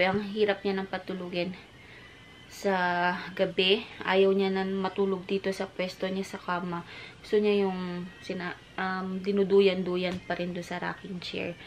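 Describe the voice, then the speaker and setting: A woman in her thirties from the Philippines, a mother chatting casually to her vlog audience, mixing English into her talk and cooing gently to her child. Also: on the low side, level tone, moderate pace, slight background noise. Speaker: family vlogger, mother.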